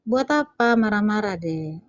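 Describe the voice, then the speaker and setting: A woman's voice: mid-range voice, animated, unhurried, dry recording, lo-fi sound. A woman hosting a casual livestream debate, teasing and challenging her callers, laughing at them. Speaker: livestream host.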